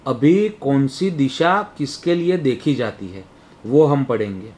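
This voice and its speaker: हिंदी में पढ़ाता हुआ वास्तु शिक्षक, आदमी. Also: male voice, medium pitch. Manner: explains step by step, often asking "right?". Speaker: Vastu teacher. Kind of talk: webinar lecture.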